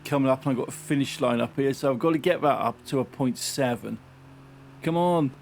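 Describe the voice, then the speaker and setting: A man's voice: medium pitch, brisk, gravelly, darkish tone, slight background noise. Man muttering through a racing game. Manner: chatty, muttering running commentary on a race. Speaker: gaming channel host. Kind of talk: casual game commentary.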